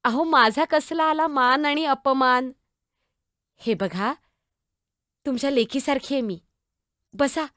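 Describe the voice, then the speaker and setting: A woman's voice: high voice, no room sound, clean studio sound. A woman playing a spirited, blunt girl saint. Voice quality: blunt, sharp-tongued. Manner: pleading and expressive, speaks to unseen people. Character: young girl saint, spirited, devoted to her brothers. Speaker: solo stage performer. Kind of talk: one-woman stage drama.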